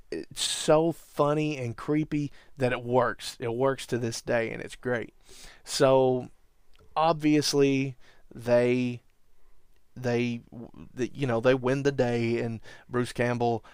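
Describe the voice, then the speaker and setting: A man hosting a podcast, casually recapping a classic movie in a rambling way, chuckling and sometimes breaking into animated impressions. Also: mid-range voice, clean tone, dry recording, clean studio sound. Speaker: podcast host.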